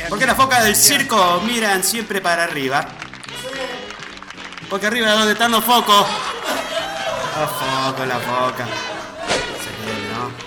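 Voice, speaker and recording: A man doing a high-voiced mock-Sicilian joker. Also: big pitch swings, unhurried, long pauses, crowd noise. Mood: joking. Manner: mock-Italian, self-explaining jokes. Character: adult male Sicilian comic with corny puns. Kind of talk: comedy sketch. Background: music.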